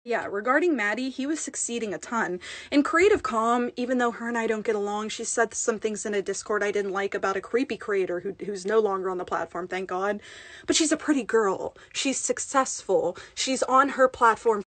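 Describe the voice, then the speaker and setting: A woman's voice: mid-range voice, a bit bright, no room sound. A woman ASMR creator ranting in an angry call-out, swearing heavily and stumbling over restarts, upset and shaken. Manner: heated, swearing, halting restarts.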